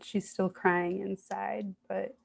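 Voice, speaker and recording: A woman giving a reflective, self-guided therapy demonstration, speaking in a gentle, soothing way with hesitant pauses. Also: medium pitch, little pitch movement, gravelly. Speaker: IFS parts work demonstrator.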